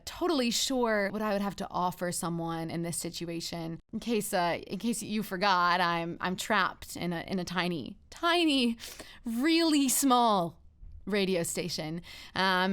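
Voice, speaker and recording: A woman plays a female radio host broadcasting after the end of the world in a comedy audio drama. Her voice is clear and mid-pitched. She chats along with wry, self-deprecating humor and an awkward brightness of manner. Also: lightly acted. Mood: awkward, rambling. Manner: wry, awkwardly upbeat, rambling. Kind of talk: scripted comedic radio monologue, chatty.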